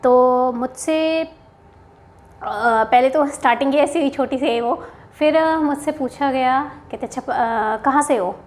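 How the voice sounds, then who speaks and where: High-voiced chatty young woman. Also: measured pace. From Haryana, India. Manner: chatty, mixes Hindi and English, frequent "theek hai" asides. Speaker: bank officer sharing interview experience. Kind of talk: casual storytelling to camera.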